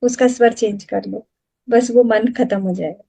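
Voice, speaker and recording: A woman asking her teacher a question, pausing to find her words before she gets it out. Her voice sits a little high. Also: fairly even intonation, vocal fry, mellow, husky. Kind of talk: classroom question.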